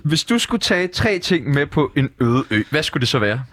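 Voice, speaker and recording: A man hosting a comedy show, bantering in a deadpan, mock-serious way. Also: a little high, no echo, studio quality. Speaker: host.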